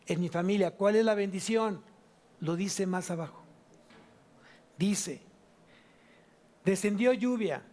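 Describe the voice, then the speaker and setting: A man with a Mexican Spanish accent preaching a sermon at a church service, asking the congregation question after question and drawing out key words slowly. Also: high voice, a little mellow. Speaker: pastor.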